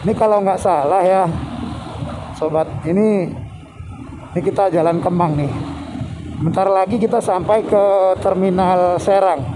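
A man's voice: high-pitched, a little slow, long pauses. A man riding a motorbike, chatting casually to viewers about the road through a helmet mic. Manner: chatty, addresses viewers as friends. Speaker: motovlogger. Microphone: helmet mic with wind noise. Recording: loud wind and traffic noise.

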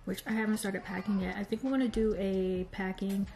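A woman's voice: mid-range voice, little pitch movement, fairly quick, mellow, soft background music. A young woman vlogging her day on her phone camera, chatty and a little self-conscious, with lots of "like". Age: young adult. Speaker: vlogger, community college student. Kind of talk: casual day-in-my-life vlog. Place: campus library, then home. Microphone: phone camera at arm's length.

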